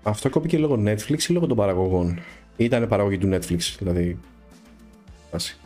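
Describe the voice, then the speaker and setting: A man co-hosts a casual chat, loose and slangy in his phrasing. His voice is low, and faint music sits underneath. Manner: relaxed, slangy, short interjections. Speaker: podcast co-host.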